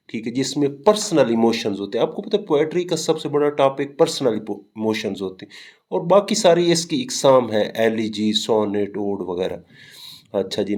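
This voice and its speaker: Man, teacher, warm mellow voice, patient explaining, repeats and quizzes. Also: medium pitch. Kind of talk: classroom lecture on poetry.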